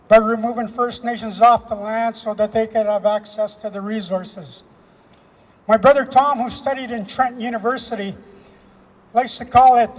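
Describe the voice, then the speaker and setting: A man from Canada delivering an impassioned speech at an outdoor rally, emphatic and repetitive, slowing down to stress key phrases. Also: very high voice, in a large hall. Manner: emphatic, repetitive, with slow weighty pauses. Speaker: rally speaker.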